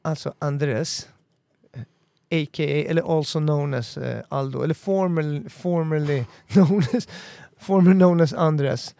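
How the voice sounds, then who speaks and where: A man's voice: a little high, creaky, dark tone, no echo. A young man co-hosting a casual podcast, playful and jokey, toying with words. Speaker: podcast co-host.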